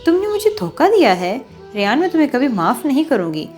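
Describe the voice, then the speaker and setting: A heartbroken young woman in tears from an audio novel, as a woman reader voices her. Her voice sits somewhat high and sounds tearful and pleading. Faint music plays behind. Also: animated, mellow, close to an everyday voice. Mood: hurt angry. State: crying.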